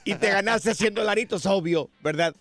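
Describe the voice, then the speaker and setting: A man's voice: high-pitched, normal speed, dry recording. A man hosting a radio comedy show, bantering and playing a stern bar manager on a prank call. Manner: lively, teasing, plays a stern bar manager. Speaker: radio host. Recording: loud music underneath.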